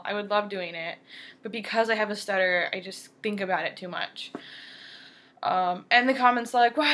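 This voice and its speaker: A twenty-two-year-old vlogger speaks candidly to the camera in a bright, forceful, mid-range voice. Earnest and open, she stutters at times, repeats or cuts off words, and uses fillers and brief laughs.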